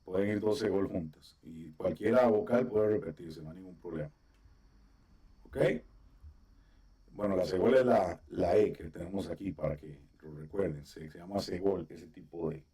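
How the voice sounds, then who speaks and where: A man's voice: low-pitched, normal speed, dark tone, slightly rough. A man teaching a Biblical Hebrew class over a video call, explaining patiently step by step and often checking with his students. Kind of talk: online class instruction.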